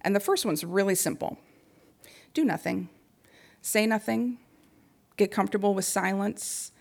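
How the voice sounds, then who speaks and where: Her voice mid-range and creaky, a young adult woman gently works through a prepared talk on supporting grieving people, stopping often as she goes.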